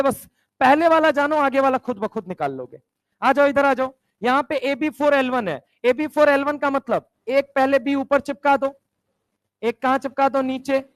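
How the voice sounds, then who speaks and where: High-voiced man drilling a chemistry class. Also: dry recording. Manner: drills students with repeated questions. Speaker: chemistry teacher. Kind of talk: classroom lecture.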